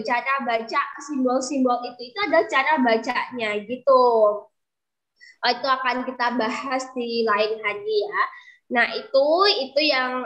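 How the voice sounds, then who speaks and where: A woman's voice: a little high, fairly bright tone. A young woman tutoring English in an online class, chatty and coaxing her students to answer, in a dim room over a video call. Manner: chatty, calls herself kakak, coaxes students to answer. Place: room growing dark, using a flashlight. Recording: dull lo-fi video call audio.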